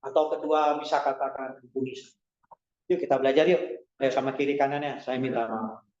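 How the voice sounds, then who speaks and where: A man preaching a sermon to his congregation, animated and often asking them questions. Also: mid-range voice, brisk. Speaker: pastor. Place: large church hall. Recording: echoey hall, dull sound.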